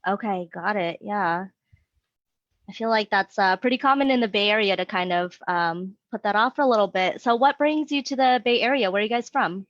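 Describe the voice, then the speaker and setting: A young woman interviewing for a sales job role-plays a real estate agent in a mock sales interview, upbeat and friendly with lots of "okay"s. Her medium-pitched voice is fairly quick, captured over a video call with dull, lo-fi, dry sound and no room sound.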